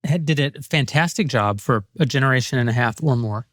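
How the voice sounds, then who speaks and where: A man on a discussion panel, laying out an argument in measured, full sentences. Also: medium pitch, fairly bright tone, no room sound, studio quality.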